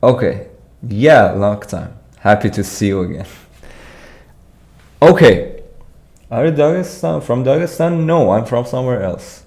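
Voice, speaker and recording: This young adult man from Iran talks in a mid-range voice with lively intonation, a slightly slow pace, a gravelly texture, long pauses and a touch of mellowness. Streaming live at his computer, he explains contest solutions in a casual way and reads the chat. He's hesitant, frequently starts sentences over, and laughs at chat messages.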